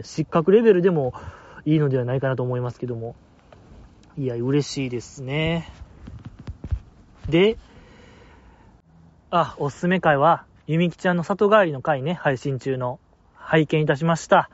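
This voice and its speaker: Kansai guy rambling on his own show, lots of fillers and little laughs, slightly high voice, dry muffled sound. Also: a little mellow, no echo. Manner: rambling, chuckling, many fillers. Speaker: radio host reading listener mail. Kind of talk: casual solo talk show. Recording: dull lo-fi dry recording.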